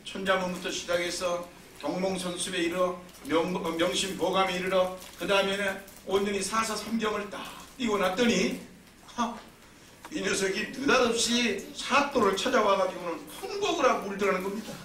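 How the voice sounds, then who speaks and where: A male pastor preaching a sermon in a lively, emphatic storytelling manner. His voice sits high and sounds bright and forceful. It carries through a roomy church from a mic set some way off. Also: moderate pace. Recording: roomy, distant mic, faint noise.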